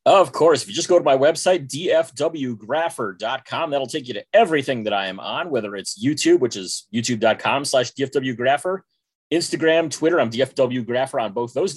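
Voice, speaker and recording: A man from Texas co-hosting a sports podcast, talking in a smooth, measured radio-announcer way. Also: mid-range voice, no echo. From Dallas, Texas, US. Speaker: podcast co-host. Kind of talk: casual podcast chat.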